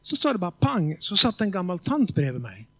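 A man preaching a sermon in a conversational storytelling way, often checking whether the congregation is following and slowing down to stress key words. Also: high-pitched, wildly swooping pitch, a bit bright, no echo. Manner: tells stories with quoted voices and emphatic slow stresses.

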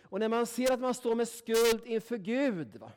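A man's voice: extremely high pitch, expressive, darkish tone. A man from Sweden preaching a sermon in a folksy, emphatic way, often tagging his sentences with a questioning "right?". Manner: folksy, emphatic, keeps asking "va?".

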